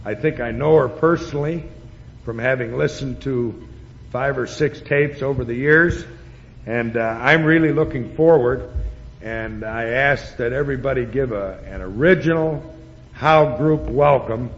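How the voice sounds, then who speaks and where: A man's voice: mid-range voice, unhurried. Man introducing a speaker in an echoey hall. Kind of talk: informal speech of introduction. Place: large meeting hall. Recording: echoey hall, dull noisy old tape.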